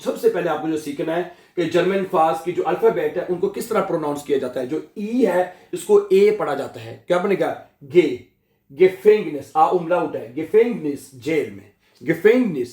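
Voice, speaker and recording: A man teaching German in a slow lesson, drawing out words and often checking with the learner. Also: fairly high pitch, a little mellow, reverberant. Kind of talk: slow spoken language lesson.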